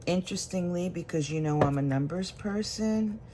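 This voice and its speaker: Speaking in a mid-range voice over a noisy background, a tarot reader offers a solo reading directly to the viewer, unhurriedly thinking aloud with each card drawn.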